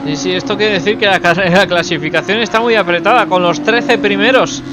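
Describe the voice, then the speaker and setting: A man's voice: sits high, brisk. A man giving live motorsport commentary, calling out the action and exclaiming at position changes. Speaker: sim racing commentator. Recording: loud car engine noise behind.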